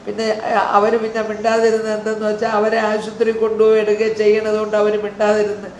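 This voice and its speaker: An elderly woman crying as she haltingly recounts family grievances, repeating her words. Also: mid-range voice, completely flat delivery, a little mellow, roomy sound, slight background noise, rough recording. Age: older. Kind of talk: emotional personal account.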